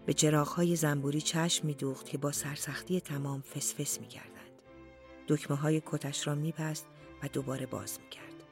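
An audiobook narrator reading a literary story in a slow, deliberate storytelling manner, at times dropping to near-whispers. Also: mid-range voice, steady tone, soft background music.

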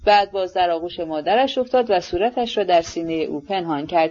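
Mellow-voiced woman reading a novel aloud. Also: fairly low pitch, lo-fi sound. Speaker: audiobook narrator. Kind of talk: scripted literary narration.

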